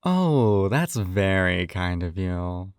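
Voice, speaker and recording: In an intimate scripted audio roleplay, a male performer voices a possessive yandere captor and hypnotist, coaxing in a doting, slightly condescending way and sighing often. His voice sits low and is very animated yet slow and smooth, recorded at studio quality with no room sound.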